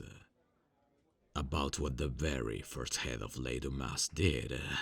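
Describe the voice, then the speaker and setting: A young man speaks softly and hesitantly in an ASMR roleplay as a friendly male college student hiding that he's a serial killer, using many fillers and quiet insinuations. His exaggerated voice is rumbling low and gravelly with a breathy edge, and there's no echo.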